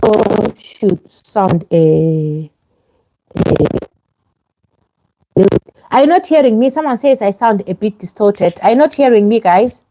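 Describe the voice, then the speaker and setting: A woman's voice: medium pitch, expressive, a little slow, pauses often, warm tone. A woman live streaming visa advice; her microphone sound is fuzzy and distorted, and she speaks in a direct, emphatic way that repeats itself. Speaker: vlogger giving visa advice. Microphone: clip-on microphone, later removed.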